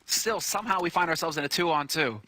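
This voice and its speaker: A man commentating on a competitive shooter match as an esports caster, conversational but excitable on big plays. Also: on the high side, fairly quick, heavy background noise. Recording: clear game gunfire and clicks behind voice. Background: video game gunshots and clicks.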